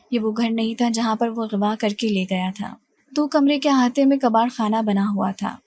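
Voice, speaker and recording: A woman's voice: a little high, a little mellow. Woman narrating a dramatic story. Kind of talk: scripted first-person story narration.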